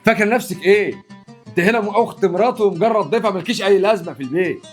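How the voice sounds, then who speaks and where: An actor with an Egyptian accent playing a bossy, hot-tempered young husband who scolds fast. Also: male voice, high-pitched, faint music behind, natural voice. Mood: jealous. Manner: sharp, scolding, fast talk. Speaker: husband in a family drama.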